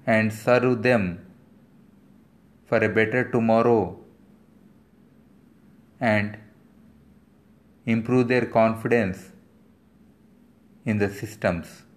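A man delivering measured, formal commentary in short, deliberate phrases. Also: on the low side.

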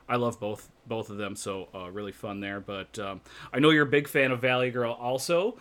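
A man hosting a casual podcast chat, often restarting words and filling pauses with uh, laughing easily. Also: mid-range voice, fairly even intonation, fairly bright tone. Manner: stammering restarts, frequent uh fillers, laughs easily. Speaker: podcast host.

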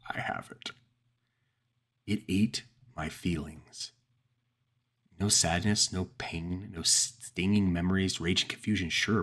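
A man with a low, husky voice reads a first-person horror story aloud. His telling is measured and dramatic, pacing the creepy moments with care. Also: fairly bright tone. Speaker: narrator. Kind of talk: scripted horror story narration.

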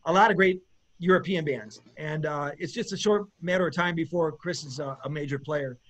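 A man, a bass player in an eighties rock band, chatting casually in an interview, rambling and searching for words with lots of restarts, enthusiastic about his music. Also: brisk, a bit bright.

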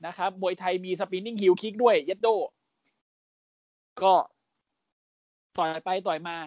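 A man co-hosting a casual podcast, recapping events as an animated storyteller, full of crude slang and mimicked voices. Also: sits high, slow pace, no room sound, highs cut off. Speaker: podcast co-host.

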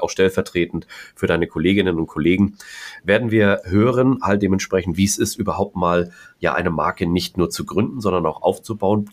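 A man hosting a podcast interview, welcoming his guests with effusive enthusiasm. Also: low-pitched. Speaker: podcast host.

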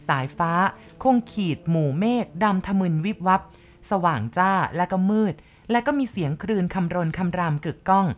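Low-voiced woman reading a ghost story. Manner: measured, vivid descriptive narration of a male first-person narrator.

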